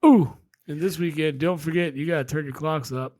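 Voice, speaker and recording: High-voiced brash sports podcast guy. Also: moderate pace, a little mellow, dry recording, clean studio sound. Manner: brash, swears freely, rattles off predictions. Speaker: podcast co-host. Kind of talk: casual sports chat.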